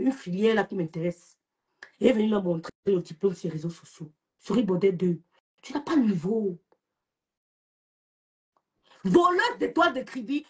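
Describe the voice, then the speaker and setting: A woman's voice: medium pitch, darkish tone, husky. A young woman with a Cameroonian French accent, hosting a social media live and scolding and mocking a rival in a taunting rant. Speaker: live-stream host.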